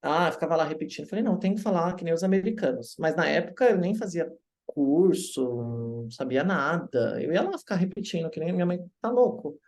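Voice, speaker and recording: A man from Brazil, an English teacher telling stories in a casual interview, lively and acting out the voices of people he quotes. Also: on the high side, a little fast. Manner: animated, acts out quoted voices.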